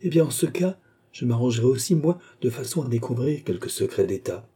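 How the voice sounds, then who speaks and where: A man reading an audiobook voicing a proud young queen with quick, imperious replies. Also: mid-range voice, lively intonation, mellow, breathy edge. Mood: lively.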